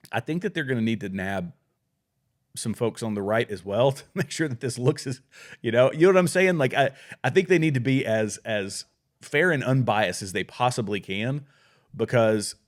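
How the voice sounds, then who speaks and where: A man hosting a casual political talk show, rambling with restarts and reading news items aloud. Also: fairly low pitch. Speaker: podcast host.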